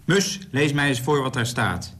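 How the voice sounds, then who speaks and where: A man's voice: mid-range voice, lively intonation, a little slow, fairly bright tone. A man voicing a simple young soldier who cannot read, amazed at getting a letter. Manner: astonished exclamations.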